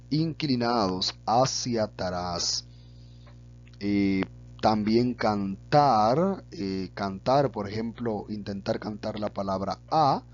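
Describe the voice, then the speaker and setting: Slow, deliberate male speaking teacher. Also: lowish voice, lo-fi sound. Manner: slow and deliberate, stretches out sample words. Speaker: public speaking instructor. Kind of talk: slow deliberate lesson on vocal technique.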